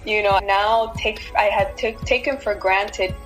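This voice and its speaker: A woman's voice: mid-range voice, steady tone, unhurried, fairly bright tone, low-quality recording. Miami-raised woman chatting with faint music. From Miami, United States. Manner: thoughtful, laughs often, frequent fillers. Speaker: guest. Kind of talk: casual interview conversation.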